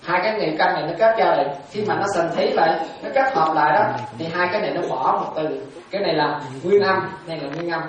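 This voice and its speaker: Echoey distant nun teaching. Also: female voice, on the low side, fast, hardly any pauses. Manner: questions the audience often, repeats phrases, laughs lightly. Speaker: Buddhist monastic teacher. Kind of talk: dharma talk to lay followers. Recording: very echoey and distant, dull sound.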